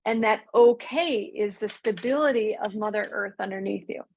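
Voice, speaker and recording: A woman teaching an online mindfulness class, speaking calmly and drawing out key words slowly. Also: mid-range voice, highs cut off, slight background noise. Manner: calm, slows and stretches key words. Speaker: mindfulness coach.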